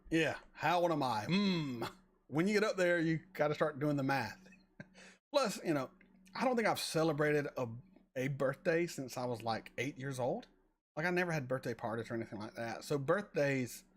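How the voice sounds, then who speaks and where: A man in his forties chatting casually on a live stream, answering viewers and often stumbling over repeated words. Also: medium pitch. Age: 40s. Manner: rambling, halting with repeated words. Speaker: reaction channel host reading chat.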